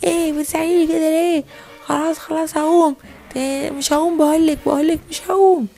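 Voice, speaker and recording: Defiant young Egyptian boy, sulky, quick, woman voicing. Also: sits high, fairly even intonation, gravelly, dark tone. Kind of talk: toy play voice acting.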